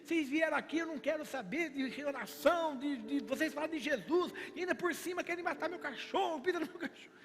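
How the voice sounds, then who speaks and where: A man acting out an angry, dying older man who shouts that he wants no prayer. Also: very high-pitched, fast talker, hardly any pauses, in a large hall, voice pushed up. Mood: furious. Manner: shouting, indignant.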